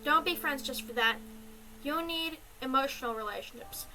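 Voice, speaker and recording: A woman's voice: sits high, normal speed, sharp tone, slight background noise, rough recording. A young woman streamer chatting casually and giving advice, rambling with lots of ums and little giggles. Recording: clear background music. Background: music.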